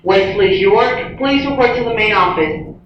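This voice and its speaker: A woman makes polite, measured school office announcements over the intercom loudspeaker and repeats each call. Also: mid-range voice. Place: school hallway or classroom, heard over a ceiling speaker. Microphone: school intercom picked up by a distant camera mic. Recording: echoey distant dull loudspeaker with room noise.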